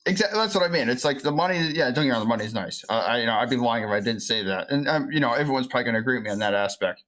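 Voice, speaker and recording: A man co-hosting a podcast, sleepy and yawning, answering in quick casual agreement. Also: mid-range voice, fairly bright tone, poor audio. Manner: quick, agreeable, short backchannels. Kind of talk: casual chat.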